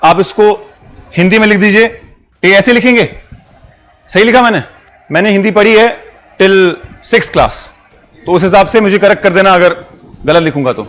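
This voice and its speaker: High-voiced teacher explaining letter sounds. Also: male voice, moderate pace, long pauses, a bit bright. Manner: explanatory, mixes English into Hindi. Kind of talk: classroom lesson.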